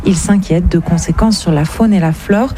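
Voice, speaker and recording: A woman giving a field news report in a calm, narrating way. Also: fairly low pitch, moderate pace.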